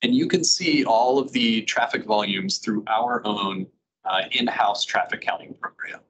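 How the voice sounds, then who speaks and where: A man with a lowish voice walks a meeting through program updates, relaxed and loose, with plenty of "uh"s between phrases. A faint rumble sits under the meeting-room audio. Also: unhurried. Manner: relaxed, many filler "uh"s. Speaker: regional planning staff presenter. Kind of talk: meeting presentation.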